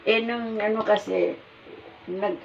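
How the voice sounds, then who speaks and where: An older woman with a Filipino accent, telling a personal story in a rambling, halting way, often searching for words. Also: mid-range voice, steady tone, creaky. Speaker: mother telling her story. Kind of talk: casual storytelling. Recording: muffled, distant, with background noise.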